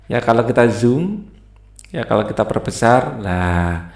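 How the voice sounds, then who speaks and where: A man's voice: medium pitch, big pitch swings, measured pace, a little mellow. A man explains a school textbook lesson, reading it aloud and singing note names and short song lines. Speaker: teacher. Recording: echoey room with faint guitar music.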